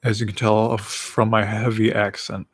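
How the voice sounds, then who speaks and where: Speaking in a flat, unhurried way, this fairly low-voiced man sounds slightly rough, with no echo around him. He's a livestream host in his late twenties with a slight lisp, eating while he chats casually and rambles with self-deprecating jokes on his solo stream.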